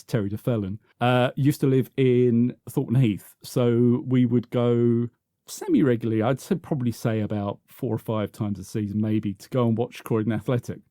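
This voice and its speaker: A man's voice: mid-range voice, warm tone, no room sound, studio quality. A man, reminiscing as a podcast guest, full of restarts and repeated words. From South London, England. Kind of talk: reminiscing conversational interview.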